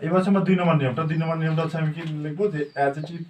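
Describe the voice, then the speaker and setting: Bangladeshi man teaching grammar, drilling slowly. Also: on the high side, fairly even intonation, a little hiss or hum. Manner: asks and answers his own questions, slow word-by-word drilling. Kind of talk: spoken grammar lesson with questions to students.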